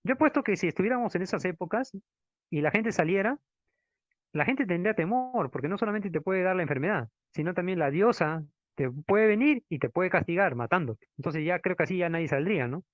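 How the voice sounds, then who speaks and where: A man lectures on law in a teacherly way, dropping tag questions and slowing down to stress Latin terms. His voice sits fairly high. The recording is dull and dry, like a lo-fi classroom capture. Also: lively intonation, no room sound. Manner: didactic, frequent tag questions, stresses Latin words slowly. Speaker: law professor. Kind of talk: lecture with slides.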